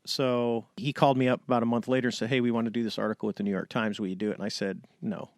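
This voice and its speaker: A middle-aged American man, a retired navy fighter pilot, guests on an interview show and tells a long, casual story while acting out the voices of people he quotes. His mid-range voice races along, captured as clean studio sound with no echo.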